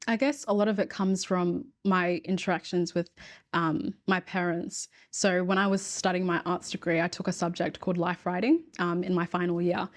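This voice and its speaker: A woman, a guest in a casual interview, telling her story in a reflective, measured way. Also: lowish voice.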